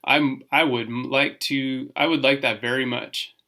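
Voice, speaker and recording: A man's voice: medium pitch, steady tone, a little slow, bright, forceful tone. A man voicing a polite, earnest young bear in a children's story, courteous and a little hesitant. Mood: grateful.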